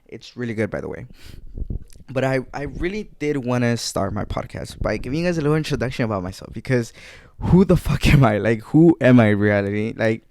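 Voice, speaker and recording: A young man in his twenties chats casually into a desk mic at home, rambling and often restarting his sentences as he addresses his listeners. His voice is smooth and clear, with a dry, close sound and no room echo. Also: mid-range voice, lively intonation, a little fast, a little mellow. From Guatemala. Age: 20s. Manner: rambling, self-correcting, chatty with listeners. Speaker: podcast host. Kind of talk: casual solo podcast chat.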